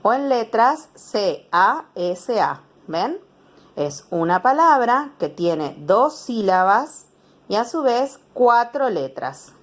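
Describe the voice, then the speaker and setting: A young woman with a Rioplatense Spanish accent, explaining schoolwork to small children. She speaks slowly, her pitch rising and falling in a lively, animated way. She sounds out syllables one by one and keeps checking that the children follow. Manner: slow, patient, sounding out syllables with frequent checks. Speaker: teacher. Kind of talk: explaining homework to young pupils.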